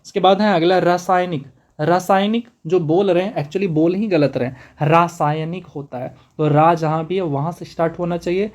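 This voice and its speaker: A man teaching a spoken exam-prep lesson, brisk and repetitive, calling his students brother. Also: a little high, fairly even intonation.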